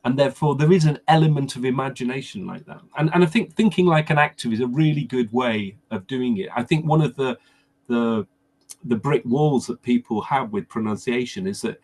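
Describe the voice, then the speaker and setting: A man with a slightly husky voice explains pronunciation in a relaxed workshop style. He circles back, repeats words and restarts sentences as he works his ideas out. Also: mid-range voice, a little fast. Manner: hesitant, repeats words while thinking. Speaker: pronunciation coach.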